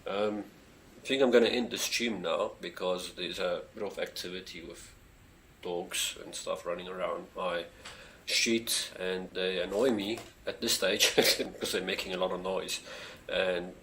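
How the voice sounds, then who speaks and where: Low, gravelly and a bit bright, his voice comes across flat and unhurried on a low-quality recording with a little hiss or hum. He's a South African space channel streamer, Afrikaans by first language and South African in accent, chatting from home near a street in a rambling way, heavy on fillers and eager pleas to his viewers.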